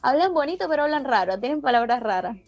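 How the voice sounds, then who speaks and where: A Venezuelan woman being interviewed chats casually in a high-pitched, expressive voice, slightly raised and fast. Her talk rambles with many restarts and fillers, and her Venezuelan Spanish accent now and then slips into a slight Argentine lilt. The audio is muffled and lo-fi, with soft music underneath.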